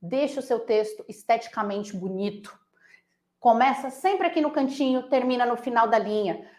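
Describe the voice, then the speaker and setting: A woman teacher with a Brazilian accent gives a playful, animated essay-writing lesson, full of silly nonsense sounds and voices. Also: on the high side, normal speed, reverberant. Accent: Brazilian Portuguese.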